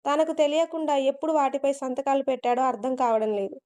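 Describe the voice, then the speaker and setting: A woman narrating a dramatic story in an expressive, steady way. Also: sits high, fairly quick.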